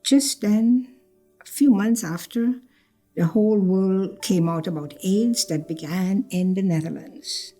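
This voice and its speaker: An older woman born in Trinidad tells her life story slowly and reflectively in a personal storytelling interview, her mid-range voice carrying a dark tone over soft background music. She repeats phrases and acts out what others said.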